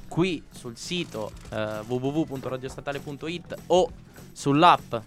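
A man's voice: medium pitch, animated, a bit bright. Radio host, man, playful and teasing, music bed faint. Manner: teasing, quick banter with laughs. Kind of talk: casual joking radio chat.

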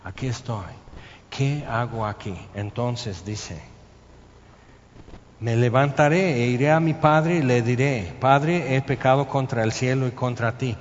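A man preaching a sermon, telling the story lively and acting out scenes and sounds. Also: medium pitch, a little slow. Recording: muffled sound in a reverberant hall with faint noise.

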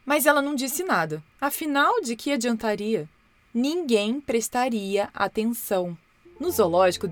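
A woman narrating a children's storybook with expressive, lively delivery. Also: fairly high pitch.

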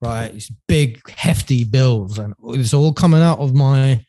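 A man speaking as a podcast guest. He tells his story in a loose, rambling way and acts out past phone calls. His voice is mellow and warm, mid-pitched, and recorded dry and close. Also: measured pace, no room sound. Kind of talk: casual storytelling interview.

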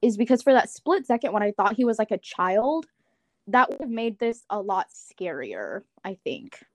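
A young woman telling friends an animated story in casual chat, swearing and acting out quotes. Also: mid-range voice, moderate pace, no echo.

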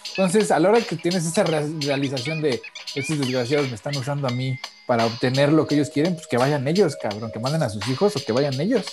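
A man's voice: fairly high pitch, fast, over music. A man with a Mexican accent in a casual debate, blunt and slangy, swearing freely. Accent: Mexican Spanish.

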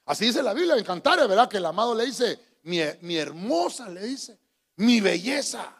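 A man's voice: high-pitched, very animated, normal speed, gravelly, a bit bright, slightly rough. A man preaching to his congregation in a folksy, joking way, often calling them brother. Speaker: pastor. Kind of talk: sermon. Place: church. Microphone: handheld microphone.

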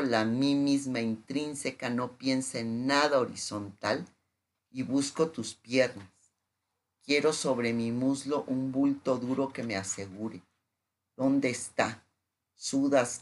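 A man giving a measured, intimate reading of sensual literary prose. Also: medium pitch.

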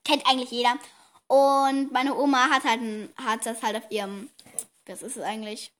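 Loud fast-talking giggly young podcast host. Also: female voice, on the high side, little pitch movement. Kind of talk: casual chat.

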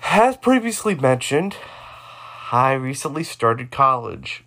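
A man's voice: medium pitch, sing-song, slow pace, sharp tone. A man in his twenties hosting a solo podcast, rambling offhand with jokey asides. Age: 20s. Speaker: podcast host.

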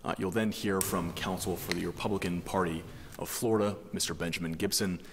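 A man with a low voice presents a formal legal argument as an attorney. He explains carefully and addresses the bench with deference. The room is reverberant, with faint noise behind him. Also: fairly even intonation, a little fast. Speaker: attorney arguing before a court.

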